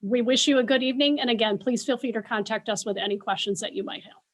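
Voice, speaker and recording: An American woman hosting an informational webinar as a school official, speaking in a measured way with pauses for an interpreter. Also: fairly high pitch.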